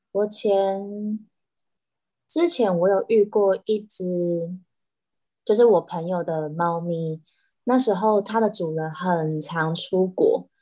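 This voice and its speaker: A woman, an animal communicator chatting as a guest, telling stories in an animated way with frequent restarts. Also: medium pitch. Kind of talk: casual chat.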